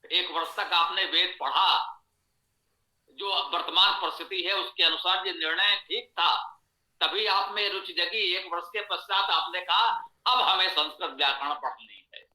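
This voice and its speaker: A man teaching a Sanskrit pronunciation lesson, explaining slowly and patiently with much repetition. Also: sits high, sharp tone, roomy sound, low-quality recording. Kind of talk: online lesson lecture.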